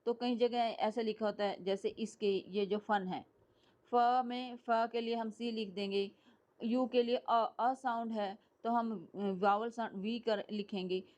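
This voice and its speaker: A woman's voice: a little high, fairly even intonation, slow, darkish tone. A woman giving a lecture to a class, explaining step by step and often checking whether students follow. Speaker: English teacher. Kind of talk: classroom lecture mixing Hindi and English.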